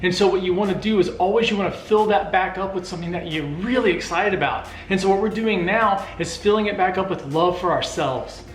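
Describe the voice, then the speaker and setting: A man's voice: high-pitched, a little fast, hardly any pauses. A man co-hosting with motivational talk, earnest and emphatic, often repeating phrases for weight. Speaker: co-host. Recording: roomy echo, faint noise.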